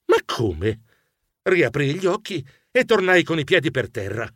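A man's voice: a little high, very animated, moderate pace, heavy background noise. A man narrating a children's audiobook in the first person, theatrical and comic with frequent exclamations.

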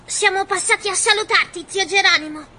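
A man's voice: very high-pitched, fairly quick, pushed and bright, a little hiss or hum, pitched above the performer's own voice, heavily acted. A sweet little boy mouse. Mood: affectionate. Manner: eager, childlike, partly whispered. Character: small excited boy mouse, sweet nephew.

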